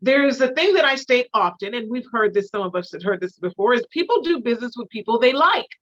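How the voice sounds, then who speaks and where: High-voiced woman teaching etiquette, slightly muffled. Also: lively intonation, fairly quick, a bit bright. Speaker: etiquette instructor. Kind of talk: instructional lecture.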